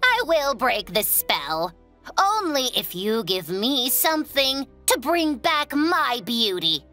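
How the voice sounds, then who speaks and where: A woman playing a bright, scheming storybook witch. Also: high-pitched, big pitch swings, slow pace, soft background music, heavily acted. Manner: menacing, mocking. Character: scheming adult female witch. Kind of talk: storybook voice acting.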